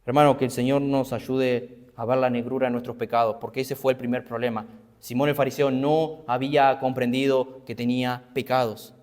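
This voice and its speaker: An earnest man preaching to his congregation, his mid-pitched voice carrying through a church hall. He presses his questions by repeating them, and a long reverb trails each phrase. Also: little pitch movement, moderate pace, a little mellow. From Argentina. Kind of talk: sermon.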